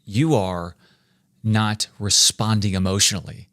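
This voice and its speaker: Low-voiced man in his forties. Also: fairly even intonation, measured pace, fairly bright tone, no echo, clean studio sound. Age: 40s. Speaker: podcast co-host. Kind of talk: faith-based leadership discussion.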